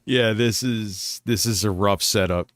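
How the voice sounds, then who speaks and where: A man's voice: fairly low pitch, unhurried, fairly bright tone, no echo, studio quality. A man hosting a livestream in a casual, sweary reacting style. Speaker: livestream host reacting to videos. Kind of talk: casual profane chat.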